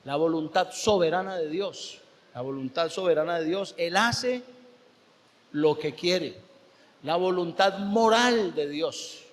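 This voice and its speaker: A man's voice: fairly high pitch, takes it slowly. A man with a Colombian accent, a pastor preaching a sermon, telling a story and acting out the dialogue with emphatic delivery. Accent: Colombian Spanish. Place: church sanctuary. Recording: long church hall reverb.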